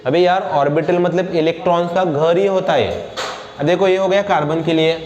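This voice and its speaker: A man teaching a chemistry lesson, playful and quizzing his students with quick questions. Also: fairly high pitch, steady tone, a little mellow. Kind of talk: classroom lecture. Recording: echoey room with faint noise.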